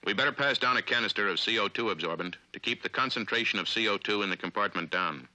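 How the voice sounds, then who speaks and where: A lowish, very bright, forceful male voice with an American accent narrates as in a 1950s training film, phrasing things deliberately and authoritatively. It is a dry period film soundtrack, and the recording is rough.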